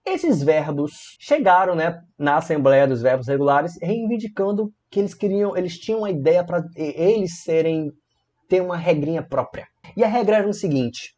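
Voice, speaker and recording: A man from Brazil teaching a grammar video lesson, explaining playfully and asking his viewers questions as he goes. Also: a little high. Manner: lively, playful storytelling with rhetorical questions. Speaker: English teacher.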